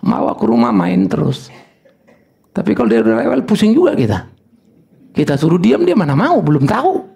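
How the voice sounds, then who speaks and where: An older male pastor preaching a sermon, telling stories in an animated way with sudden high exclamations. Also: a little fast, creaky, pauses often.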